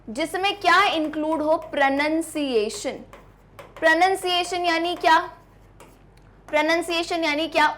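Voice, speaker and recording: A woman teacher giving a grammar lesson to school students, explaining patiently, calling them "beta" and sounding out words slowly. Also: sits high, a bit bright.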